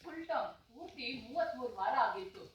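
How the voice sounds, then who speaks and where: An actress voicing a calm mother who answers in short, plain sentences with a slightly high voice. The sound is distant and very echoey, like a large hall. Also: a little fast. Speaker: mother of a deaf child. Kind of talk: stage play acting. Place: stage in a hall. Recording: echoey hall from far off, faint hiss.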